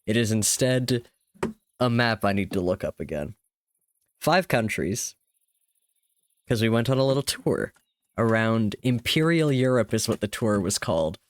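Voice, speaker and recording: A man's voice: lowish voice, expressive, unhurried, long pauses. A man chatting casually on his live stream, rambling with small laughs, his voice a little sick and tired. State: sick and slightly hoarse, tired. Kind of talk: casual live-stream chat while gaming. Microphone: desk microphone.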